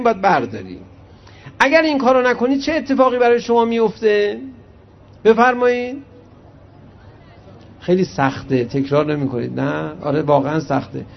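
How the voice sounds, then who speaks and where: A man preaching a religious sermon, reciting Arabic hadith slowly and then explaining them conversationally to his audience. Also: high voice, vocal fry, a little hiss or hum. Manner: animated storyteller addressing the audience directly. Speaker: cleric preacher. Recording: muffled lo-fi recording.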